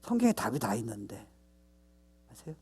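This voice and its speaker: Husky-voiced preacher with loud stresses. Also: male voice, big pitch swings, moderate pace. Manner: emphatic, mixes English phrases into his Korean; swings between loud stress and low, soft asides. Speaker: pastor. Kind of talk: sermon.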